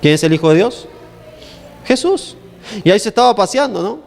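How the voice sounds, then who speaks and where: A man preaching a lively, joking sermon, often asking his audience questions. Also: high voice, racing, vocal fry, soft background music. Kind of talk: humorous storytelling sermon. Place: conference hall. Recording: long reverb in a conference hall.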